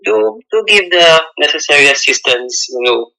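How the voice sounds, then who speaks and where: A man's voice: on the high side, expressive, gravelly, pushed and bright, low-quality recording. Tense-voiced male radio co-host. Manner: halting, filler-heavy pleading. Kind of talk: radio interview.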